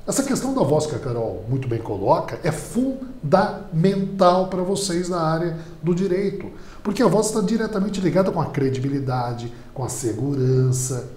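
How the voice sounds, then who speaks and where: A Brazilian man talks as a podcast guest who teaches public speaking. His voice is mellow, yet his pitch jumps about in an animated, lecturing way. The studio sounds roomy and echoing. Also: normal speed, hardly any pauses, a little hiss or hum. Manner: animated, lively lecturing delivery. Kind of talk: explanatory podcast interview.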